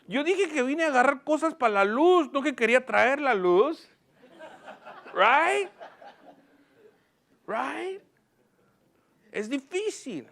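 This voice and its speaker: Man, pastor, high-pitched, preaching, lively, questions the congregation, mixes in English. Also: takes it slowly, gravelly, long pauses. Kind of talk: sermon. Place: church platform.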